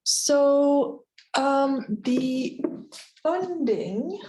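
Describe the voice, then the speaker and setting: With a high-sitting, mellow voice and drawn-out words, a woman from the United States presents an academic seminar in a university room. The recording is rough and roomy, and her talk is warm and chatty, sprinkled with fillers and light laughter.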